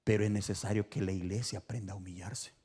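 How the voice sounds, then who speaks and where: A man preaching an evangelical sermon in a church, swinging between shouted exhortations and hushed asides and repeating his points with emphasis. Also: lowish voice, steady tone, fast talker, slightly rough. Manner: emphatic and repetitive.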